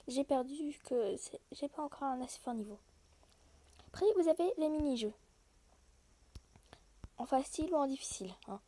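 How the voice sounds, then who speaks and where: In a casual gameplay walkthrough of a mobile game, this host speaks straight to her audience, calmly going over every screen and rule as she plays. She has a high, mellow, rounded voice.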